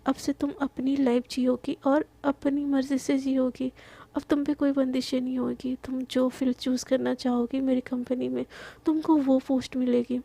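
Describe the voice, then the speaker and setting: A woman voicing a stern young woman boss who turns soft and pleading with the one she loves. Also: high-pitched, flat delivery, moderate pace, gravelly, dry recording. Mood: tender.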